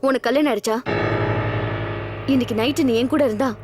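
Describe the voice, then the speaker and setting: A woman's voice: high-pitched, brisk, loud music behind the voice, natural voice. A woman playing a firm, defiant young woman. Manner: cold, cutting refusals.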